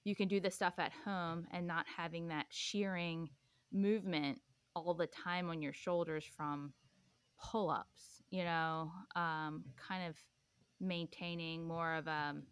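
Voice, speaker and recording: Low-voiced young woman, casual rambling chat. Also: steady tone, takes it slowly, smooth, no echo. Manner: rambling, full of "like" and "um". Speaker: podcast guest.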